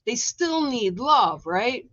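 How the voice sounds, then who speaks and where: Woman, livestream co-host, animated storyteller, muffled stream sound. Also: a little high, slow pace. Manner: animated storyteller, acts out quoted voices. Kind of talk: casual storytelling chat. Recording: dull lo-fi livestream audio.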